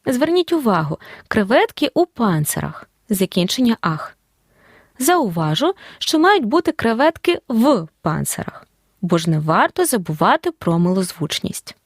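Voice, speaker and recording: Lively, clear woman teacher. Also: medium pitch, no room sound, clean studio sound. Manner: clear, deliberate explanation of grammar rules. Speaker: Ukrainian language teacher. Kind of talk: scripted audio lesson narration.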